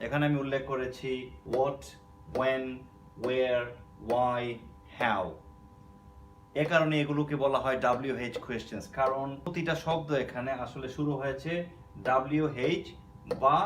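A man's voice: mid-range voice, slight background noise. Man teaching English word sounds. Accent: Bangladeshi. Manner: explains patiently, repeating words and asking "okay?". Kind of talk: spoken language lesson.

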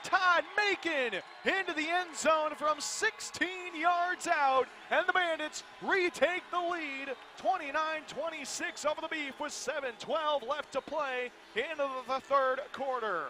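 Guy sportscaster yelling a touchdown call, drawn out and excited, high voice, noisy arena. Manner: shouting excitedly, drawn-out emphatic calls. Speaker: radio play-by-play sports commentator. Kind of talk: excited touchdown call, live football commentary. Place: broadcast position in an indoor arena.

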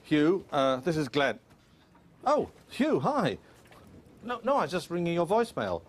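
A man playing a flustered man on the phone, stammering and apologetic. His pitch jumps wildly up and down as he fumbles for words. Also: wildly swooping pitch, unhurried, heavily acted. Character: flustered middle-aged man on a phone call.

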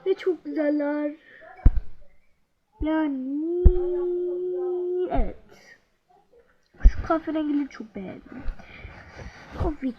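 A young woman casually commenting on a game as she plays, often muttering to herself and telling herself to stay calm. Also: high-pitched, takes it slowly, long pauses. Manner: talks to herself while playing, muttering and calming herself. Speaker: gamer. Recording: dull lo-fi sound with noise behind.

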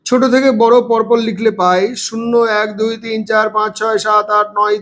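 A man's voice: high-pitched, little pitch movement, a little fast, fairly bright tone. A man with a Bengali accent teaching a children's lesson, patiently spelling out words letter by letter and counting aloud. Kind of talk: reading lesson for young children.

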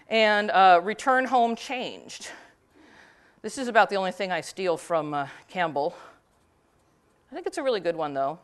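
A woman giving a conference talk, retelling a story with quick, animated asides. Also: medium pitch. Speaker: conference speaker; teacher.

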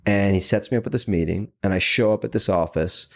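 A company CEO appears as a podcast guest to tell his career story, speaking quickly and with animation and mimicking the voices of people he quotes. His pitch is fairly low.

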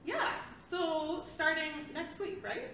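Slow-talking woman leading a sing-along. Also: very high-pitched, animated, far from the mic, slight background noise. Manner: chatty, laughs easily between remarks. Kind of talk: casual sing-along instruction. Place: association office room. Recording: very roomy echo with loud guitar. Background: guitar.

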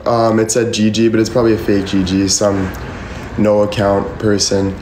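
A man's voice: on the low side, flat delivery, moderate pace, darkish tone. Young man, twenties, livestream rant, defensive, swears a lot, echoey bedroom, faint room hum. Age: 20s. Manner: defensive, rambling, emphatic, swears freely. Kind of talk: casual livestream venting. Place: bedroom with ceiling fan, indoors. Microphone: phone camera at arm's length.

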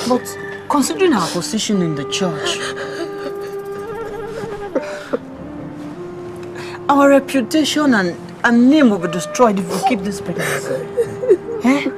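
A man's voice: high-pitched, rough recording. An actor playing a hypocritical young churchman who stammers and talks his way around things. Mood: persuasive. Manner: stammering, evasive, persuasive. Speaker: actor in a gospel film. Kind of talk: film drama acting. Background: background film music.

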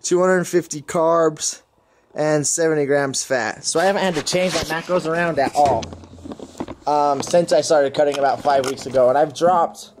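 A man's voice: fairly high pitch, normal speed, a little hiss or hum. A young man in his twenties vlogging casually to a handheld camera, chatty and matter-of-fact, correcting himself as he talks. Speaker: fitness vlogger and coach. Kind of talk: casual vlog narration to camera. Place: car, home and gym. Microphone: handheld camera close to face.

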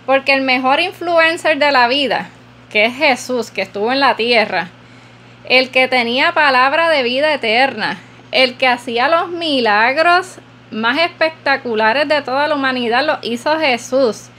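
A woman's voice: high voice, a little slow, pushed and bright. A woman podcast host giving an earnest, preacherly devotional talk, repeating phrases for emphasis.

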